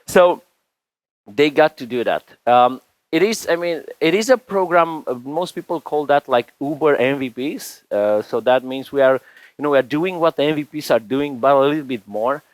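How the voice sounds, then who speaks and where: A man's voice: mid-range voice, normal speed, dry recording, poor audio. Romanian-born guy in his 40s doing a tech talk on stage, rambly with lots of "you know", dry sound. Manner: chatty, rambling, frequent restarts and "you know" fillers. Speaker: conference speaker. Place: conference stage.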